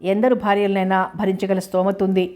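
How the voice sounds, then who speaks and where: A scheming middle-aged man pressing his case, insistent and pushy, voiced by a woman reading a story. His voice stays steady, with little rise or fall. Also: medium pitch, a little fast, close to an everyday voice. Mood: insinuating.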